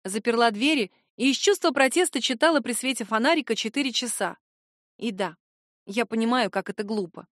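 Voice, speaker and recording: A woman reading a first-person audiobook in an expressive, confiding way. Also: a little high, brisk, dry recording, studio quality. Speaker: audiobook reader.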